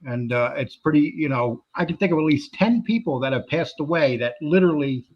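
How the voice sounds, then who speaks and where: Muffled, lo-fi audio carries a husky male voice, pitched a bit above average. He speaks casually, like a guest who has dropped into a livestream to chat. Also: expressive, a little fast. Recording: dull, lo-fi call audio.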